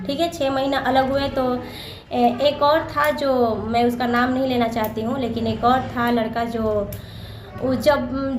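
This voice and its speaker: Chatty young woman vlogger, echoey room. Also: sits high. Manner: chatty, repeats phrases, acts out quoted lines. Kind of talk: casual storytelling to viewers. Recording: echoey room with faint ambient noise.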